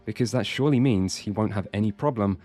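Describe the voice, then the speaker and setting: A man's voice: lowish voice, fast, dark tone, soft background music. A man reading scripted video essay narration in a dry, sardonic way.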